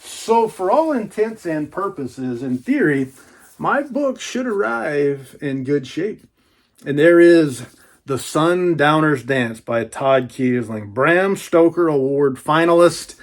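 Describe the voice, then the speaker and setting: Taking it slowly, this man, a book reviewer who hosts a YouTube channel, narrates an unboxing in a casual, chatty, down-home style. His fairly high voice has lively intonation, and he keeps repeating phrases to drive points home.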